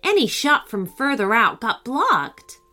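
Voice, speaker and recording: A woman narrating a children's story in an expressive, animated way. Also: fairly high pitch, slow pace.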